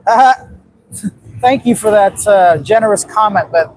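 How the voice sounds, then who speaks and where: With a high-pitched voice and measured pace, this Afghan man in his late thirties rambles bluntly on a casual livestream, reading out viewer comments. The low-quality audio has no echo.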